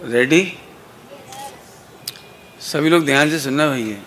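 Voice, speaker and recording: Bright-voiced man leading children's chants. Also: fairly high pitch, takes it slowly, a little hiss or hum. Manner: playful, coaxing, leads slogans in rhythmic counts. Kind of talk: call-and-response chanting lesson for kids.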